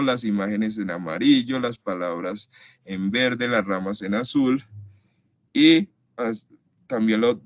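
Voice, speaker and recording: A man's voice: mid-range voice, a bit bright, no room sound. A man giving an online class lecture, patiently explaining with many restarts and fillers. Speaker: teacher. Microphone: computer mic in a web conference. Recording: dry, slightly dull web-conference audio.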